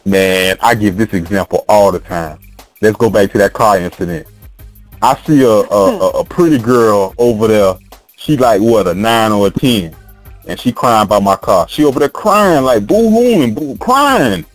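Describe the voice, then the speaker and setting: A man's voice: on the low side, moderate pace, faint music behind. A man hosting a casual podcast chat, talking in a rambling, emphatic and profane way and laughing often. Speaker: podcast host.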